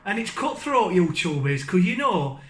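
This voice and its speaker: Northern English bloke, gaming YouTuber, blunt and self-mocking, high voice, ranting in a roomy space. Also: male voice, very animated, normal speed, fairly bright tone. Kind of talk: rambling comic rant to camera.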